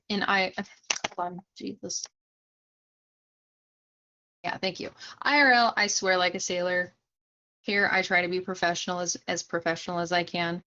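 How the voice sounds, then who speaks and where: A woman's voice: mid-range voice, a bit bright. Chatty woman streamer, lo-fi sound. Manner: chatty, talks to chat mid-explanation, laughs easily. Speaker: streamer explaining roleplay police rules. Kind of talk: casual livestream instruction.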